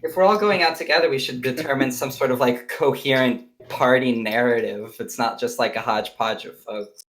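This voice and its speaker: A man's voice: mid-range voice, brisk, few pauses, fairly bright tone, rough recording. Man chatting as a tabletop game player. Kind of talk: casual game chat.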